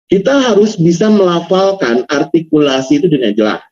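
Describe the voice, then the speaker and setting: A man's voice: on the high side, sing-song, brisk, darkish tone. A young man teaching public speaking in an online workshop, stressing words to demonstrate intonation and slipping into casual slangy asides. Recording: lo-fi video call audio.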